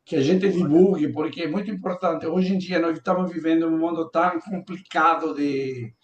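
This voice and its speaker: A man with a slightly high voice speaks hesitantly in an online group meeting and restarts his sentences now and then. His audio sounds roomy and echoey. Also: fairly even intonation, moderate pace, lo-fi sound. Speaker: meeting participant.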